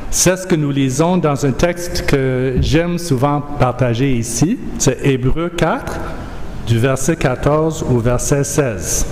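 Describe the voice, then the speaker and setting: A man preaching a sermon and reading scripture aloud, with a measured, emphatic delivery. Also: medium pitch, a little mellow, slight background noise. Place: church hall. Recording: echoey hall, faint ambience.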